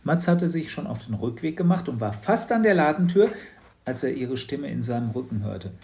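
Male narrator for a children's audiobook, lively storytelling. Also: medium pitch, moderate pace.

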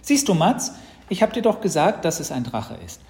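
A man voicing an excited, bossy little girl who talks high, loud and pushy. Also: normal speed.

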